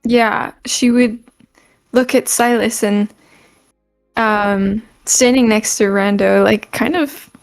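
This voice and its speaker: A woman's voice: fairly high pitch, steady tone, slow pace, gravelly. A woman player doing casual, hesitant role-play in a tabletop game. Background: faint music, at times a vacuum.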